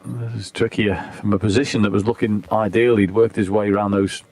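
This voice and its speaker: A man giving hushed live snooker commentary in measured, understated short phrases. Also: on the low side, little pitch movement, no room sound.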